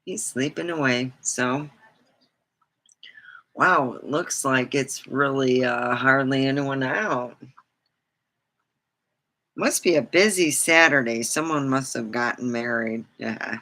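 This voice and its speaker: Bright, slow-talking casual livestream host. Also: mid-range voice. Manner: slow, loose, drifting between thoughts. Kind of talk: casual rambling chat.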